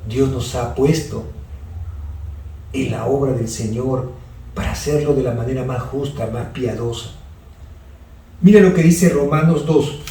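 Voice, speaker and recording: A man's voice: medium pitch, warm tone, slight background noise. A man with a Peruvian Spanish accent, a pastor leading a Bible study in earnest, hesitant speech full of restarts, talking straight to his listeners. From Peru. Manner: earnest, many fillers and restarts, addresses listeners directly. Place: church hall. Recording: echoey room, voice from far off.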